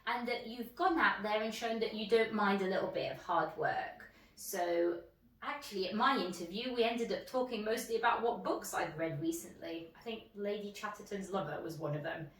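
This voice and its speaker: Chatty woman from france, er doctor in her 30s, upbeat, echoey room, mic a bit far off. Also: mid-range voice. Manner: upbeat, chatty, quick asides. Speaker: emergency doctor. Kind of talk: speaking to camera about her career. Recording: roomy, distant mic.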